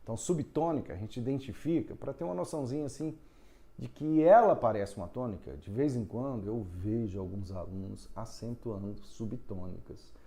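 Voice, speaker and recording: A man's voice: medium pitch, normal speed, mellow. A man teaching a recorded phonetics lesson, explaining step by step, asking and answering his own questions and drawing out syllables to show stress.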